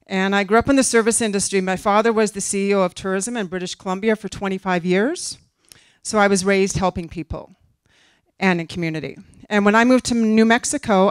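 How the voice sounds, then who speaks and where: A middle-aged Canadian-accented woman, running for a board seat, reads a prepared campaign speech into a handheld mic at a podium before a backdrop in a conference room. Her mid-range voice is smooth and earnest with the odd filler, recorded at studio quality with no room sound.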